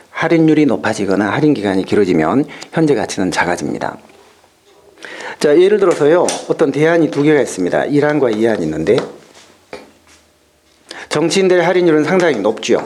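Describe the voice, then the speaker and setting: A man's voice: on the high side, a little mellow, a little hiss or hum. A man giving an exam-prep lecture, explaining step by step through worked examples.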